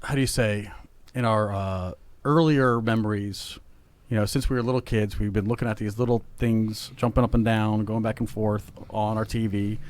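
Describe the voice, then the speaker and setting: A man's voice: lowish voice, steady tone, normal speed, a little mellow, dry recording. Rambling man, dry close sound. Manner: rambling, many fillers and restarts. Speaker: podcast co-host. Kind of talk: casual chat.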